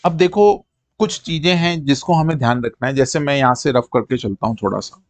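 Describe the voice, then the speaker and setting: Man teaching a live maths class, mid pitch, dry close sound, coaxing, call-and-response drills. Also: brisk, no room sound. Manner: coaxing, repeats "ठीक है" to check students follow. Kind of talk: live-streamed maths lesson.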